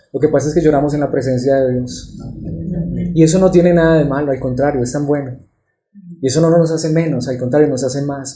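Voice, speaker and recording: Earnest, dark-voiced preacher man in an echoey church. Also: on the high side. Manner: warm, earnest, with frequent rhetorical questions. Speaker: pastor. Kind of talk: expository sermon.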